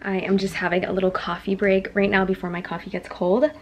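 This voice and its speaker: A woman's voice: mid-range voice, little pitch movement, brisk, dull audio. A woman in her thirties chatting casually to camera as she tidies her beauty room at home, thinking aloud and gushing over things she finds. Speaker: beauty vlogger. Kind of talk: casual chat while tidying. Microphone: camera mic, moving around room. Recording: noisy home room recording.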